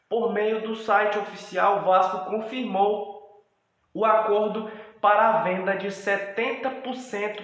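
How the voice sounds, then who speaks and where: A man's voice: high voice, a bit bright. A man with a Brazilian Portuguese accent hosting a fan channel, giving casual news commentary with lots of hesitant fillers. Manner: hesitant, many drawn-out fillers. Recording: very echoey room.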